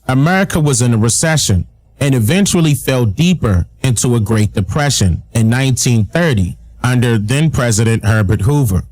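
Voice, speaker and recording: A man giving measured, scripted documentary-style narration. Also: mid-range voice, animated, a little mellow, no echo.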